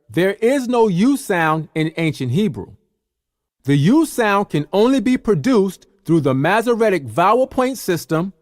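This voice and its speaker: Male teacher, clear explanations, animated pitch, dry sound. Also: no room sound. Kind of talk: teaching with on-screen slides.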